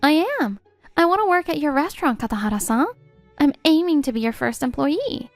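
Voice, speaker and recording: Woman acting polite eager young female, comic dub, high voice, very lively intonation. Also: fairly quick, music in the background.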